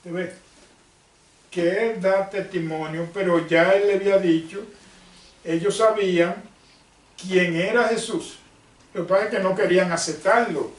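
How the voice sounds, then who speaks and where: Slow, high-voiced preacher. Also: male voice, fairly even intonation, far from the mic. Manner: slow, emphatic, asks and answers own questions. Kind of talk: sermon. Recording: echoey room, off-mic.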